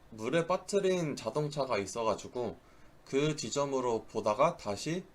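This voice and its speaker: A man who is not a native Korean speaker gives an instructional lecture, with a halting delivery and slips on words. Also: medium pitch. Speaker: diving instructor giving a lecture. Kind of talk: instructional slide presentation.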